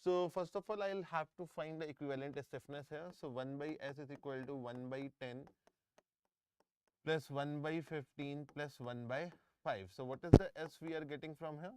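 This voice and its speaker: A middle-aged man with an Indian English accent tutors students for engineering exams in a live online class, often repeating himself and checking in with them. His voice is fairly high, mellow, clear and resonant, delivered at a moderate pace. The close microphone picks up no room sound.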